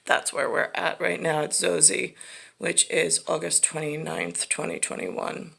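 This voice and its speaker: A woman's voice: low-pitched, steady tone, unhurried, creaky, fairly bright tone, slightly rough. A woman talking casually in a rambling, disjointed monologue that drifts from one tangent to another. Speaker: vlogger.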